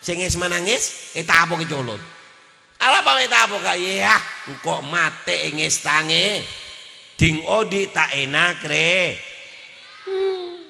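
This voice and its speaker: Male preacher, slow animated joking sermon, gravelly tone. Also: high-pitched, big-room sound. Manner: animated, mixes jokes, chants and shouted lines. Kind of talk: humorous Islamic sermon.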